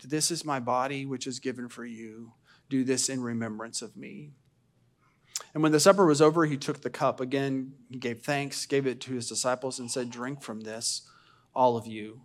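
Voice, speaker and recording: A man speaking as a pastor, delivering a sermon and communion liturgy in a solemn, measured, declamatory manner. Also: medium pitch. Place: church service.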